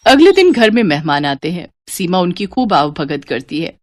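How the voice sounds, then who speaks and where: Woman narrator for a cartoon story, lively melodic delivery, dry close sound. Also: fairly low pitch, moderate pace, no echo. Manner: expressive, storytelling.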